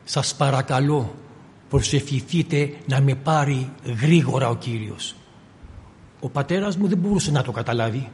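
A man preaching a sermon to his congregation, fervent, swinging between loud appeals and quiet storytelling. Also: a little high, in a large hall.

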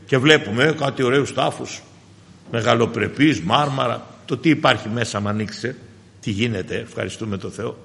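A man, preaching a sermon with personal testimony, calling the congregation brothers and swinging from emphatic high bursts to quiet low asides. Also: gravelly, big-room sound.

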